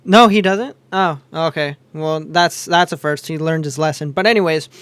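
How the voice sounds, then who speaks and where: A man's voice: fairly high pitch, normal speed, fairly bright tone, clear, resonant tone, no room sound. A man hosting a casual online news commentary show, laid-back and sarcastic in tone.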